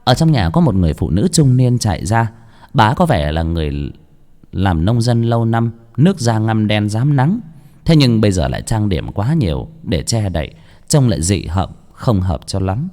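A man narrating a ghost story in a dramatic, animated way. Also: lowish voice, normal speed, in a large hall.

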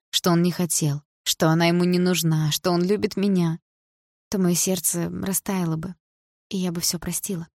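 A woman with a low, even voice reads a novel in the first person, steady and quietly emotional. Her voice sounds close and dry, with no room around it. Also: creaky, breathy edge, no room sound. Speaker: audiobook narrator. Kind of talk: first-person audiobook narration.

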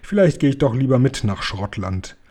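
A man doing a loud, coarse man-eating giant. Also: mid-range voice, expressive, normal speed, slightly rough. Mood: boastful. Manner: loud, sneering, boastful.

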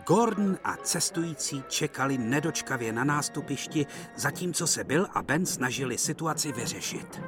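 A man narrating a cartoon storybook-style in an expressive way. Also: fairly high pitch, over music.

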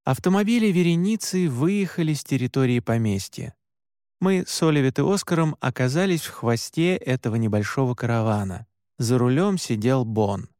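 A man's voice: mid-range voice, darkish tone, dry recording. Male audiobook narrator with a dry, close voice. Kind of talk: first-person audiobook narration.

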